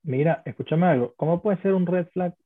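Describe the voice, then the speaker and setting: A man's voice: high voice, brisk, phone-quality sound. A man with a Venezuelan accent co-hosting a podcast in casual chat, blunt and swearing freely. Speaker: podcast co-host.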